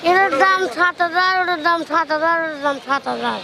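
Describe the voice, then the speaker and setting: A woman's voice: extremely high pitch, fast talker, creaky. A Bangladeshi woman selling livestock outdoors, giving short informal answers about prices. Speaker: livestock seller. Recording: very noisy outdoor market with crowd.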